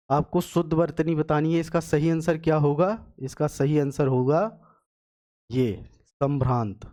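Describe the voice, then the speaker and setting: A man teaching a Hindi spelling lesson for exam preparation, patiently repeating words slowly and checking that students follow. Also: on the high side, dark tone.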